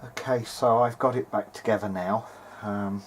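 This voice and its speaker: A man's voice: on the low side, fairly even intonation, normal speed, slight background noise. A man informally talking through a hands-on repair in a video diary, hesitant and half muttering to himself as he works. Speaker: vintage hi-fi hobbyist narrating own repair video.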